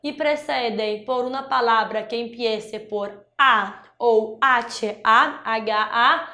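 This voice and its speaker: A woman's voice: a little high, extremely slow, pushed and bright. A woman from Brazil teaching a Spanish grammar lesson for exam prep, explaining step by step and checking in with frequent "né?" and "tá?". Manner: explanatory, with frequent "né?" and "tá?" tag questions. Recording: roomy echo.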